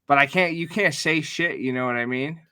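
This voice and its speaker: A man's voice: a little high, brisk, pushed and bright, clean tone, no room sound. A man in his thirties co-hosting a podcast, talking in a crude, joking way and swearing a lot. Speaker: podcast co-host. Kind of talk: casual crude chat.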